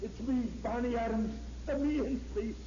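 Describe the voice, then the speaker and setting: A man's voice: very high voice, normal speed, warm tone. An actor playing an insistent, ominous dead man giving warnings in a 1940s radio drama. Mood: desperate. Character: urgent, eerie dead man warning from the grave. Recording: echoey, muffled, noisy 1940s radio recording.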